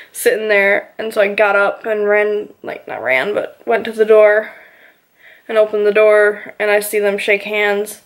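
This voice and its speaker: A woman vlogger casually telling a personal story, rambling and filling her talk with "you know" and "like". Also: medium pitch.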